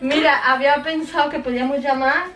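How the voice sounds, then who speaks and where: A woman's voice: sits high, steady tone, brisk. A middle-aged woman chatting casually and playfully in a bedroom, a little away from the microphone. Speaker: mother co-hosting a prank video. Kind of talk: casual chat. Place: small bedroom, indoors. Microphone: camera a short distance away. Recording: echoey bedroom, distant mic, faint music.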